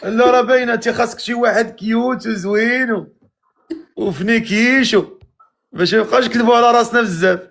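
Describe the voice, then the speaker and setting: A man with a Moroccan accent hosting a live matchmaking stream, teasing and calling out to viewers in brisk casual chat. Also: very high-pitched, gravelly, a bit bright. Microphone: live video stream.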